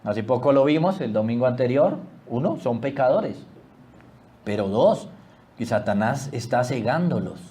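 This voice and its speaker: A man preaching a sermon as pastor, swinging between loud exclamations and hushed low asides.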